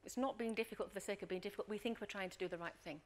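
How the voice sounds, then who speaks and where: Racing along at a medium pitch, a middle-aged woman delivers a workshop talk as a leadership coach and trainer. She tells lively stories, acts out the scenes, and keeps checking in with her audience: "Okay?"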